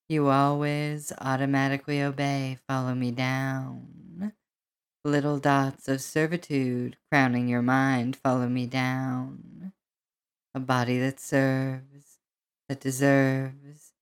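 A woman speaking as a hypnotist right in the listener's ear, in a commanding, deliberate, lulling monologue full of repetition. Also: very deep voice, clear, resonant tone. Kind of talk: slow hypnosis monologue, spoken close in the ear.

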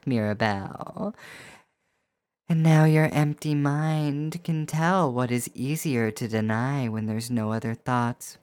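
An adult performer in a mid-range voice recites a scripted erotic hypnosis monologue aimed right at the listener, teasing and coaxing with rhythmic, rhyming, repetitive lines. There's no room sound in the recording.

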